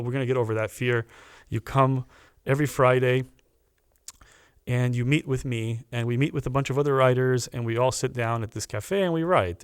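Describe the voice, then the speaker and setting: A man, a guest on a podcast, telling a personal story in a casual, animated way, often stopping to restart a phrase. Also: mid-range voice, clear, resonant tone, no echo, clean studio sound. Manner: animated anecdote teller with restarts.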